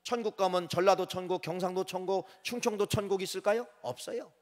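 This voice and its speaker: A male pastor delivers a sermon in a church sanctuary, his voice sitting high for a man and ringing out with a long reverb tail. He preaches with animation, pushing phrases up loud and then dropping to quieter asides as he addresses the congregation directly. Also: brisk.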